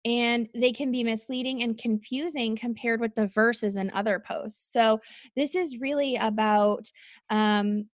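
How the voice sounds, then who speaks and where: Woman co-host, kinda high voice, chatty and laughy, dry close mic. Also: steady tone, a little slow, no echo. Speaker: podcast co-host. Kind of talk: casual podcast discussion.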